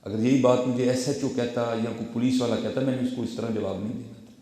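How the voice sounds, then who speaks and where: A man preaching a story sermon, turning from hushed asides to loud exhortation and addressing his listeners respectfully. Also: medium pitch, steady tone. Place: Friday gathering in a large echoing room. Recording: very echoey room.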